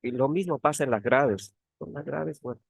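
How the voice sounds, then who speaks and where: Male teaching assistant, gravelly voice, repeats terms and checks in with the class. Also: medium pitch, normal speed, no echo. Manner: repeats key words, frequent tag questions. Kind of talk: online grammar tutorial. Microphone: computer mic on a video call.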